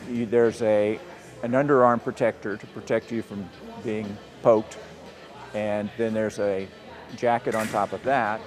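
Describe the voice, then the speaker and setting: Low-voiced man explaining fencing. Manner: plain, step-by-step explaining. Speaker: fencing club organizer. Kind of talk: explaining fencing rules on camera. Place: outdoors at a fencing event.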